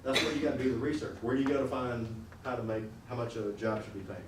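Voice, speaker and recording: Students get frequent questions from this man as he teaches salary negotiation in a blunt, conversational manner. His mid-range voice is steady and quick, and the distant, echoey room recording carries background noise.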